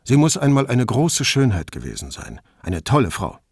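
A man voicing a calm, thoughtful police commissioner in an audiobook, speaking in a measured way. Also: medium pitch, slightly rough, no room sound, studio quality, full character voice. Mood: musing.

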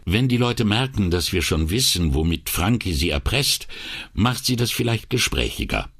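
A thoughtful senior police commissioner gives instructions in a measured, authoritative way, as a man reads him in an audiobook. The voice is deep and husky, dry and close. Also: sing-song, fairly bright tone, dry recording, heavily acted.

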